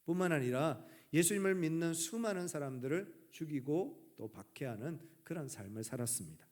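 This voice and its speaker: A male pastor from the Gyeongsang region preaching a sermon earnestly, letting his sentence endings fall soft and quiet. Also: fairly high pitch. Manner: earnest, trailing off softly at sentence ends.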